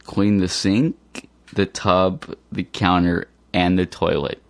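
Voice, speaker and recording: Man, low voice, slow and careful, plain delivery, dry close mic; reads learner dialogues. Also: flat delivery, dry recording. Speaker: dialogue reader for English learners. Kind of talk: slow scripted dialogue reading.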